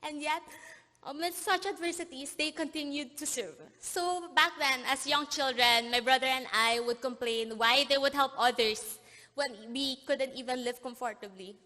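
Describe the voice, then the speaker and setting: A young woman delivers a commencement address in a high, bright voice. She is earnest and moved, at times pausing to steady herself. Her words carry a long echo through a big convention hall. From born in Korea, raised in the Philippines. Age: young adult. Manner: earnest, emotional, pausing and apologizing as she chokes up. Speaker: graduation speaker. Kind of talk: commencement speech. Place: large convention plenary hall.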